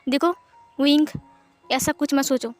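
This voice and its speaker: A woman's voice: high-pitched, fairly even intonation, measured pace, faint music behind. Teasing possessive husband, read by a woman. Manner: teasing, bossy, then soft and doting. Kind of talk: storybook dialogue reading.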